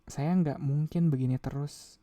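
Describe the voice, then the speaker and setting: A man reading a novel aloud, voicing an anxious young woman who pleads softly, half whispering. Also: sits low, fairly even intonation, unhurried, no room sound. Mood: anguished.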